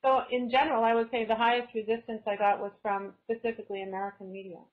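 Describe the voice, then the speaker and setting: In a reflective, informal webinar, a Canadian guest author talks quickly with a slightly high, flat voice, often beginning phrases again as she works out her ideas. The sound comes through a video call and is slightly dull and lo-fi.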